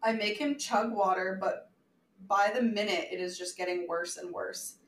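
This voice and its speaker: Podcast co-host, a woman telling a lively story; roomy sound, faint background noise. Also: medium pitch, moderate pace, recorded from a distance. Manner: animated storyteller, acts out quotes, swears. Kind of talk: casual chat, storytelling.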